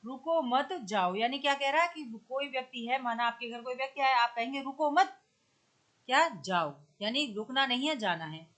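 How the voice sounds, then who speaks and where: Woman teacher, bright and fairly high voice, patient step-by-step exam explainer. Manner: explains step by step, recites verse slowly. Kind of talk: exam-prep grammar lesson.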